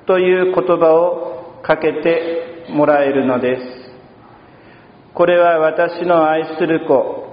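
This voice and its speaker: Unhurried priest preaching in a roomy church. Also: male voice, a little high. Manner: calm, measured preaching with long pauses. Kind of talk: sermon. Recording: dull, roomy church sound from a distance.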